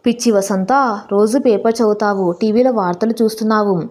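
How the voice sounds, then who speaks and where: An anguished young husband speaks with firm resolve in a storybook tale, read by a woman. His lines stay earnest and steady. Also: medium pitch, a little fast, close to an everyday voice.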